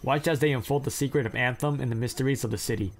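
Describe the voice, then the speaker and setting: A man's voice: medium pitch, fast talker. A man narrating a ranked anime list, reading plot summaries and breaking off into blunt, profane, self-deprecating asides. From China.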